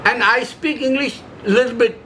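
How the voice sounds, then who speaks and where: Delivering a solo preaching monologue, this Indian man, an Urdu native speaker who makes religious videos, uses broken, Indian-accented English in short, emphatic bursts. He speaks at normal speed in a very high, sharp-toned voice. Slight background noise is present.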